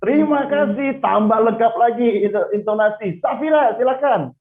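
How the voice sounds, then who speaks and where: A man's voice: extremely high pitch, normal speed. Upbeat male public speaking coach, tinny. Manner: lively, asks the class questions and praises answers. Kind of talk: online class for pageant contestants. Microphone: video call. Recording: tinny phone-like audio.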